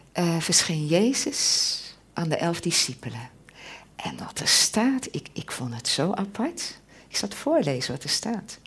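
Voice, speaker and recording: A woman delivers a sermon slowly and emphatically, with a very husky, breathy voice that sits fairly low. Her pitch swings widely as she stresses her points, and she often sinks into an intense whisper. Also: a bit bright. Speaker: preacher.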